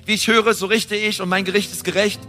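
A man preaching with a high, bright voice, speaking to the congregation in a casual, direct way. He is passionate and emphatic, rising to loud declarations and then dropping to soft, quiet stretches. Faint music plays behind him. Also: level tone, brisk. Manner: casual, direct address to the audience. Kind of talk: sermon.

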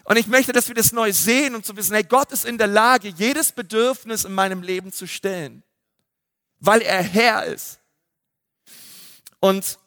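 A man's voice: high-pitched, a bit bright, dry recording, studio quality, big-room sound. A man preaching a sermon, emphatic and rising to a raised voice, with frequent calls of "hey" and invitations for the congregation to repeat lines. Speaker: pastor.

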